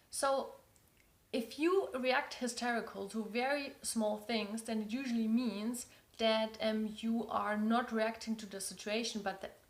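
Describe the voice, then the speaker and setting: Speaking to camera, a relationship coach with a German accent offers earnest advice in English, which isn't her first language. Her voice sits on the high side, the room is reverberant, and she repeats words for emphasis.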